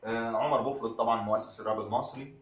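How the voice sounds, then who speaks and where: Fast, slangy Egyptian rapper man. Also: mid-range voice, steady tone, echoey room, far from the mic. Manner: loose, slangy, laid-back talk. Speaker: rapper and vlogger. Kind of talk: casual chat between freestyle rap takes.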